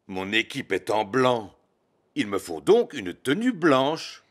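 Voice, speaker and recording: A man's voice: mid-range voice, very animated, slow pace. A man voicing a cheerful, easygoing father pig in a dubbed cartoon, with a jolly, fatherly manner. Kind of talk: French cartoon dubbing.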